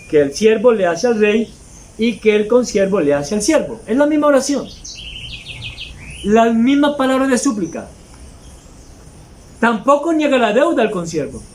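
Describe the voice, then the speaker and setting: Emphatic high-voiced preacher. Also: male voice, low-quality recording. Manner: emphatic preaching, mocking hypocrites in mimicked asides. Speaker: pastor. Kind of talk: sermon.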